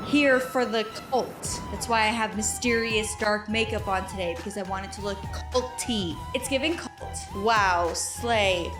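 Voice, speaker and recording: A woman's voice: medium pitch, steady tone, moderate pace, hardly any pauses, music in the background. A woman hosting a casual reaction vlog, chatty and self-deprecating, with sassy, campy drag-queen-style slang, speaking close to the microphone. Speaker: YouTube host. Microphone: microphone held close to the mouth.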